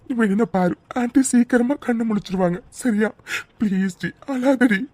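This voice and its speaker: A woman's voice: on the high side, normal speed, darkish tone, lightly acted. A woman voicing a caring young man in a cartoon, coaxing his girlfriend to stop crying. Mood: tender coaxing. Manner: coaxing, tender. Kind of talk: cartoon voice acting.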